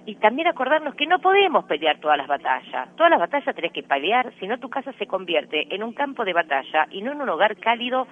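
A man with a Rioplatense Spanish accent and a notably high-pitched voice explains parenting ideas in an earnest, lecturing way. He is a radio interview guest, heard over a thin, tinny phone line. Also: very animated, fast talker, few pauses.

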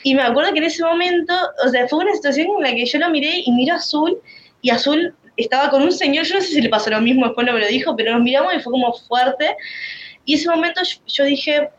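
A woman with a Rioplatense Spanish accent and a fairly high voice tells a personal faith testimony, emotional and rambling, often restarting her sentences. The recording sounds dull and lo-fi, with faint noise underneath. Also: quick pace. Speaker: speaker giving a testimony.

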